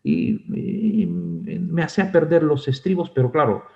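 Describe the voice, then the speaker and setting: A man's voice: fairly high pitch, expressive, unhurried, creaky, a little mellow, dull audio. A man who is a pastor, preaching a sermon in a conversational, storytelling way and laughing often.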